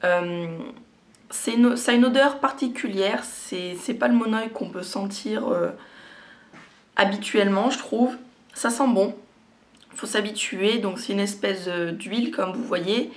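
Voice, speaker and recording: A woman beauty vlogger talks casually to her viewers about products. Her voice sits at a medium pitch and is slightly hoarse and cracked, as though it is giving out. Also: unhurried.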